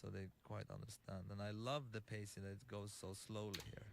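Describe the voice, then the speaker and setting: A man speaks low and in a level, barely moving tone. He talks through his game as its creator, stopping and restarting often and leaning on fillers as he explains. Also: little pitch movement, creaky, slight background noise. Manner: halting, many fillers and restarts. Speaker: game creator giving commentary. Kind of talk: developer commentary.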